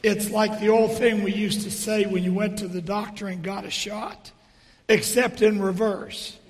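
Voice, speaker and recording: A middle-aged or older man giving a sermon in a hoarse stage whisper, his voice almost gone, speaking deliberately with pauses between phrases. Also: high voice, level tone. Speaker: preacher. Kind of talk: sermon with storytelling and dry humour. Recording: reverberant hall.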